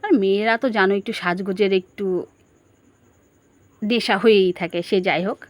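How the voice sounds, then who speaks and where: A woman's voice: medium pitch, fairly even intonation, moderate pace, no echo. A woman narrating a casual family vlog, chatting straight to her viewers and asking them questions. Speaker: family vlogger.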